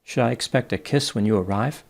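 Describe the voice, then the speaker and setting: A man reading out the messages of a flirty female AI chatbot, slowly and plainly. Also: medium pitch, creaky, natural voice. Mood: gushing.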